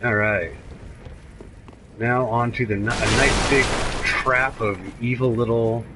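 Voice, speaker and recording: A man giving excitable let's play commentary, reacting out loud as he plays. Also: mid-range voice, slow, heavy background noise. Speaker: gameplay commentator.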